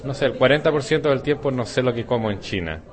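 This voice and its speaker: A man from Chile with a Chilean Spanish accent, a Spanish teacher answering interview questions in a relaxed, rambling way with hesitations. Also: medium pitch, fast.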